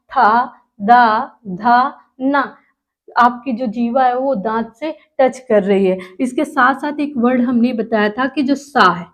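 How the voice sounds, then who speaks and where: A woman teacher with a high voice speaks slowly and patiently. She sounds out each syllable clearly, then puts questions to her students. Her classroom delivery is unhurried and steady. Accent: Hindi. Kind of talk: classroom lesson.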